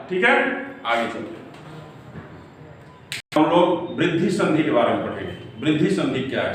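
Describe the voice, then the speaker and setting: A male teacher with a high voice, heard from some distance in a very echoey room with faint noise behind him. He talks slowly and answers his own questions as he leads an exam-prep class. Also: a bit bright. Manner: repeats questions and answers them himself, checking with "clear?".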